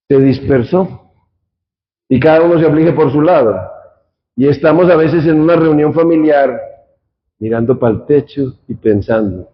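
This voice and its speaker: A man's voice: mid-range voice, long reverb tail. Man lecturing on grief, wry. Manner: conversational, anecdotal, wry asides. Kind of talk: conference lecture. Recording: dull lo-fi recording.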